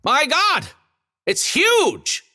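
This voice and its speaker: A man's voice: mid-range voice, huge pitch swings, normal speed, a bit bright, voice pushed up. A man voicing an earnest priest-astronomer who talks eagerly, with frequent exclamations and encouraging remarks.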